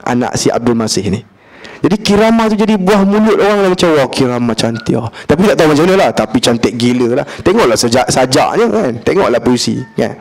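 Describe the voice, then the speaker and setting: A man's voice: on the high side, fast. A man with a Malaysian accent giving a religious lecture, telling a story with humor, acting out the dialogue and mixing in English words. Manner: lively, humorous, acts out dialogue; colloquial, mixes in English words. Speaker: preacher.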